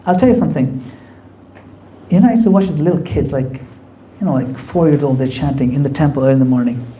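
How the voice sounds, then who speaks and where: In a temple hall, a man teaching a casual spiritual class voices the people he quotes while explaining. He speaks quickly in a warm, fairly high-pitched tone, captured on a low-quality recording with a faint hiss or hum.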